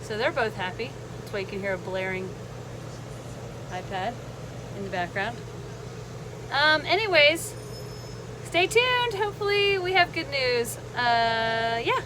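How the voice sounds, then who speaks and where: A woman with a fairly high voice tells a casual travel vlog story. Her delivery is animated and chatty, with a sarcastic lilt of mock enthusiasm. Clear vehicle-like background noise sits behind her. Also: a little slow, pauses often. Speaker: travel vlogger. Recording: noisy vehicle ambience behind voice.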